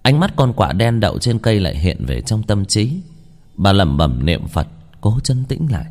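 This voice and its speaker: A man reading a ghost story aloud in measured, dramatic storytelling. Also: on the low side, very animated, a little mellow. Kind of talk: scripted ghost-story narration.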